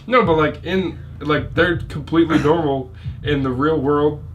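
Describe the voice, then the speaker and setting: A man's voice: fairly high pitch, steady tone, a little slow, muffled recording, slight background noise. A man co-hosting a casual podcast chat, rambling, laughing often, and trailing off mid-thought. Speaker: podcast co-host.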